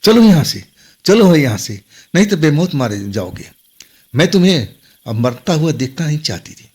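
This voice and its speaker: A man voicing a young female ghost girl who keeps pleading and warning, in a husky voice lifted higher than his own. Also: very animated, normal speed, a little mellow. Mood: urgent pleading.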